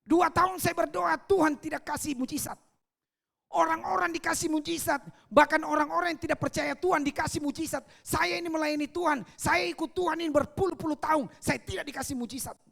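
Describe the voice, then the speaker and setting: A man's voice: very high-pitched, fairly quick, vocal fry, a bit bright, pitched above the performer's own voice, full character voice. A man voicing a bitter middle-aged man protesting against God, aggrieved and complaining.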